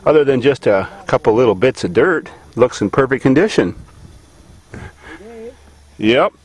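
A car channel host narrates a hands-on vlog outdoors in a grassy farm field, offering folksy, joking running commentary into a handheld camera mic. His medium-pitched voice has a breathy edge and a measured pace. The low-quality camera audio carries steady background noise.

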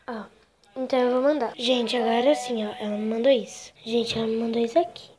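A woman's voice: fairly high pitch, steady tone, fairly quick, crowd noise. A woman from Brazil doing casual vlog narration, giggly and constantly addressing her viewers. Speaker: vlogger.

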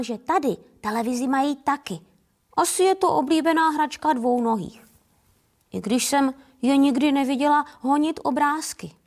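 A Czech woman reading a first-person children's story aloud with a gentle, playful manner. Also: high voice. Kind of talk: first-person fairy tale narration.

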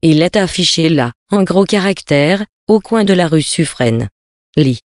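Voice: mid-range voice, animated, measured pace, no room sound, studio quality, natural voice. Reader doing a brash, jaunty adventurer. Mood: jaunty, ironic. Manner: bold, ironic, hearty.

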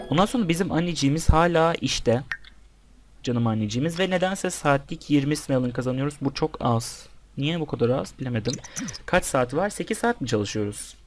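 A man's voice: medium pitch, a little hiss or hum. A young man giving casual let's-play commentary, chatting with the game's characters and with his viewers as he plays. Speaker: gameplay commentator.

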